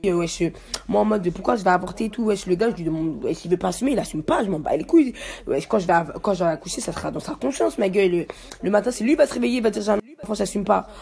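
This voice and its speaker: A young adult woman, a social media personality, tells her side of a story to her followers in a casual, slangy rant. Her medium-pitched voice is rapid-fire and a little mellow, with vocal fry, and she sounds defiant and emphatic, repeating herself to drive the point home.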